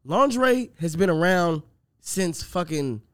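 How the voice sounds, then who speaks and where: A man's voice: sits high, animated, unhurried, clean tone, dry recording, studio quality. A man co-hosting casual banter, slangy and profane, punctuating his talk with "man" and "bro". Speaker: podcast co-host.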